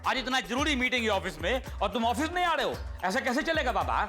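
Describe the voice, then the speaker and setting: A male actor playing a suspicious, domineering office boss with a pompous, drawn-out delivery in a TV sitcom. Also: very high voice, big pitch swings, sharp tone, faint music behind, heavily acted. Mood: suspicious, scolding. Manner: pompous, drawn-out, mixing in English. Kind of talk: broad TV sitcom acting.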